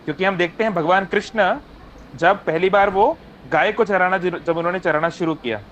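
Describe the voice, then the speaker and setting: A man's voice: high voice, moderate pace, a bit bright, slight background noise, poor audio. A man teaching an online devotional class from his phone, explaining patiently and checking in with listeners, mixing English phrases in. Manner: explanatory, asks "है ना?" often, mixes English phrases.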